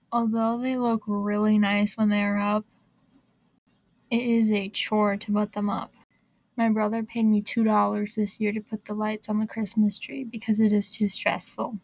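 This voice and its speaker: A woman giving a scripted informative talk in a dry, deadpan way. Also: fairly high pitch, vocal fry, dry recording, rough recording. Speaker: presenter.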